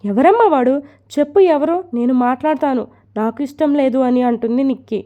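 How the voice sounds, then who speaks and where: A woman's voice: high voice, fairly quick, phone-quality sound, natural voice. A woman voicing an upset young woman who protests against a forced marriage. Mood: protesting. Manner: protesting, pleading.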